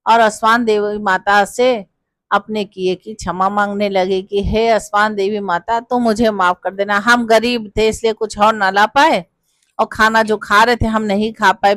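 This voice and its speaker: A woman's voice: medium pitch, a bit bright, dry recording. A woman narrating a devotional folk tale in a homely, chatty way, now and then addressing the listener directly. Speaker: storyteller.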